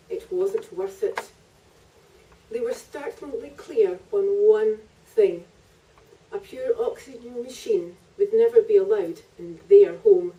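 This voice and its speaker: Picked up by a far-off microphone at a library festival reading, a woman author reads narrative prose from her own book. She has a mellow, mid-range voice.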